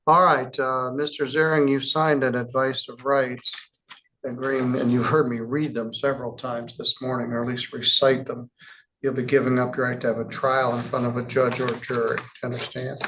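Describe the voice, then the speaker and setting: A man presiding as a judge in a courtroom, reading charges in a measured, formal way with casual asides. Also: medium pitch, level tone, a bit bright, dull audio, slight background noise. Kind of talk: courtroom proceedings.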